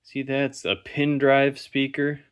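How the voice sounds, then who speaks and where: In his vintage electronics inspection video, a man gives loose, unscripted commentary, wandering as he thinks out loud. His medium-pitched voice is smooth and completely flat, and he speaks slowly; the recording has its highs cut off.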